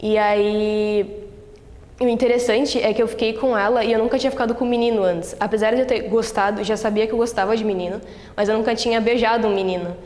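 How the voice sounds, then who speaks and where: An eighteen-year-old woman with a Brazilian accent, telling her story slowly and hesitantly. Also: on the high side, steady tone, a little mellow. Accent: Brazilian Portuguese. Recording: room with long reverb.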